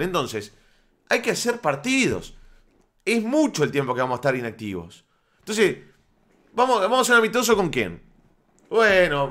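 Animated, sarcastic Uruguayan man. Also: high voice. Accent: Uruguayan Spanish. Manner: sarcastic, rambling, stammering restarts. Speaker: fan channel host. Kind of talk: casual football commentary monologue.

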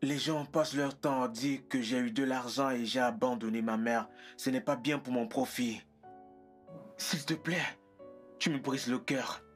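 A man's voice: mid-range voice, fairly even intonation, unhurried, soft background music, lightly acted. An actor dubbing a well-off son who anxiously pleads with his mother in a film drama. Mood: pleading. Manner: pleading, persuasive.

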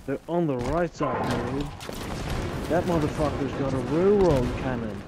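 A man chatting casually while playing a game, excitable and swearing a lot. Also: mid-range voice, unhurried, noisy background. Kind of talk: casual chat while gaming. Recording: loud game gunfire behind.

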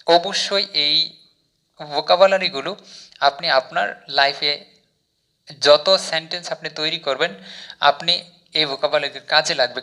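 A man speaks as he teaches vocabulary. His voice sits a little high and has a bright, forceful ring. He reads each word carefully and often says it twice. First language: Bengali. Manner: reads word lists slowly, repeating each for the viewer. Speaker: English teacher. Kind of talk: vocabulary lesson.

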